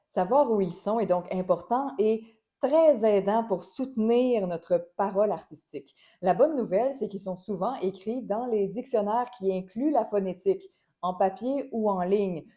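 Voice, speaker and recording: A woman teaches voice technique in a steady, explanatory way. Her voice is mellow and warm at a middle pitch. She breaks off now and then to sound out syllables as examples. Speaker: voice and singing teacher. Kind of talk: spoken voice lesson.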